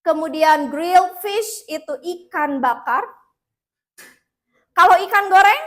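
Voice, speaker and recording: A woman teaching an English lesson in a classroom, mixing two languages and leading slow repeat-after-me drills. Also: very high voice, animated.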